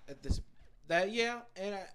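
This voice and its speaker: A podcast co-host talks through an opinion in a casual chat, hesitating and restarting often as he reasons. His voice is high-pitched and animated at a normal speed, with crowd noise in the background.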